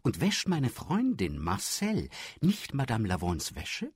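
A man voicing a shrill, easily amused lady who exclaims and gossips, in an audiobook. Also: wildly swooping pitch, slow, breathy edge, no echo, exaggerated voice. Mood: amused, chatty. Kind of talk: audiobook character voice.

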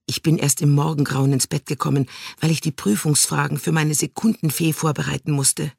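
A man's voice: fairly high pitch, flat delivery, fairly quick, gravelly, darkish tone, husky, dry recording, studio quality. A man voicing a dreamy, disorganized young female fairy in a children's storybook, with a plaintive, airy manner. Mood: gushing.

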